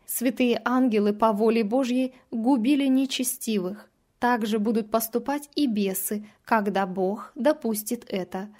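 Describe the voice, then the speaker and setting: A woman's voice: a little high, a little mellow. Woman solemnly reading devotional scripture. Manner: measured and solemn. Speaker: reader of a religious text.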